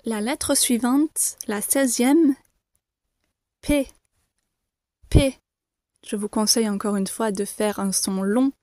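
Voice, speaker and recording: A woman gives a beginner pronunciation lesson, speaking very slowly and carefully and repeating each letter. Her voice sits a little high, and the recording is dry and close. She sounds patient and reassuring. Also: warm tone, no room sound. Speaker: French teacher.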